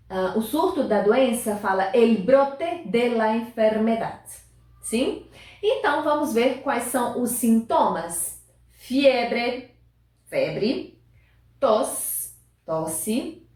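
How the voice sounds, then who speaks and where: A woman's voice: on the high side, animated, drawn-out words, long pauses, a little mellow. A woman teaching Spanish vocabulary. She explains patiently, repeats each word, and checks in with her students often. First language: Portuguese. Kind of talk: language lesson. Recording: echoey room, mic at a distance.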